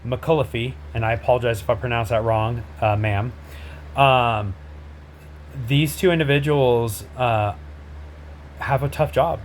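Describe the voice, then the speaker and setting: A man hosting his own show, bluntly addressing people directly to camera in a confrontational way, with many pauses and fillers. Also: medium pitch, slight background noise. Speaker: host, a father speaking out.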